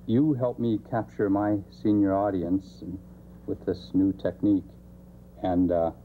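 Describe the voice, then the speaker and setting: A man's voice: on the low side, steady tone, unhurried, a little hiss or hum. A man who is a Navy chaplain giving a roast speech, hesitant with many uhs and dry jokes, on a thin lo-fi recording. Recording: thin phone-like lo-fi TV sound.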